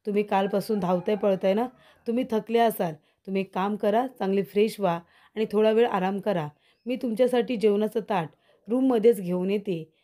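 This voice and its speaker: A woman voicing a devoted young wife who gently coaxes her husband and stands firm against the family. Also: medium pitch, normal speed, close to an everyday voice. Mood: coaxing. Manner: coaxing, tender toward her husband.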